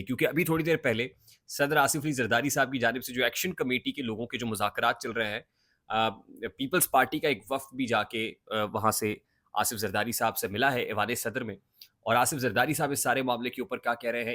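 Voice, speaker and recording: Male political news vlogger at mid pitch, emphatic, with hesitant filler pauses. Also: pushed and bright. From Pakistan.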